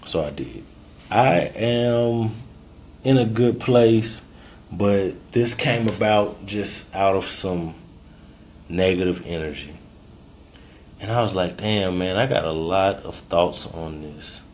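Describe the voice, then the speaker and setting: Deep-voiced man hosting a loose podcast. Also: slow pace, a little hiss or hum. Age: adult, married. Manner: loose, rambling, tipsy and relaxed. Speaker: podcast host. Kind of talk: casual freestyle podcast monologue.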